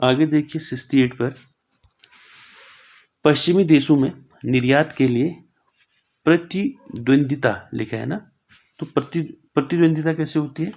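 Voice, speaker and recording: Slow-talking male tutor. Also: a little high, vocal fry, a little mellow, dull audio. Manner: repeats words slowly, ends points with "thik hai". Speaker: teacher. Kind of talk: exam-prep Hindi spelling lesson.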